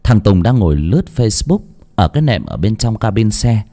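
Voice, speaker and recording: Low, lively male audiobook narrator. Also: a little fast. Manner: expressive storytelling, lingering on phrases.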